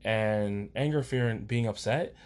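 A man's voice: fairly low pitch, unhurried, darkish tone. Earnest man in reflective casual talk. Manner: earnest, reflective, rambling with restarts. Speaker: podcast co-host, parent. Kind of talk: casual faith and parenting chat.

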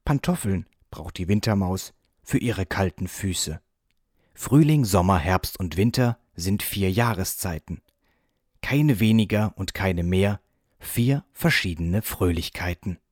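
A man doing a dreamy little mouse poet, soft and unhurried, kinda low voice, dry close sound. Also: no room sound. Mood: reciting. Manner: gentle, unhurried, recites like a poem. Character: calm, dreamy male field mouse poet.

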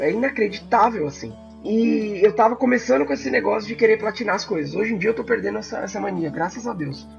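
Dude rambling about games, kinda high voice, gravelly, slightly dull lo-fi sound. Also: male voice. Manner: animated, frequent fillers and restarts. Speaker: podcast co-host. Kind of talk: casual chat about video games.

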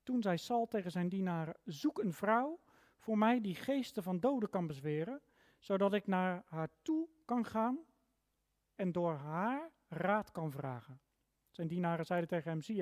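Emphatic preacher in a reverberant hall. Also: mid-range voice. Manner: emphatic, stressing single words with sudden rises and drops in loudness. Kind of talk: sermon with Bible reading. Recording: long reverb of a large hall.

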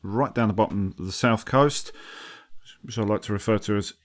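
A man's voice: on the low side, moderate pace. A man with an Essex accent chatting casually as a podcast co-host, with jokey, blokey banter. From south-east England, Essex. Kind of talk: casual chat. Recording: recorded remotely over online link.

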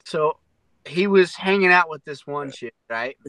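A young man on a podcast telling a crude story in casual banter, with quick interjections and swearing. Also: on the high side, expressive, pushed and bright, dry recording, low-quality recording. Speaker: podcast co-host.

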